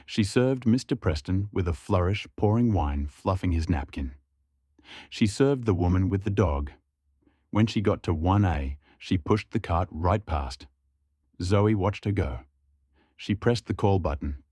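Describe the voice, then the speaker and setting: Casting: male storyteller, low voice, dry close recording, measured delivery. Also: animated, dark tone, slightly rough, no echo. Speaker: narrator. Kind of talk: scripted story narration.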